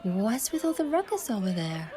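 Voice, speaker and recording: A woman narrates a romance game in the first person as an affectionate, thoughtful young heroine, earnest and reflective. Her mid-range voice is natural and dark in tone, swinging widely in pitch at normal speed, with music in the recording.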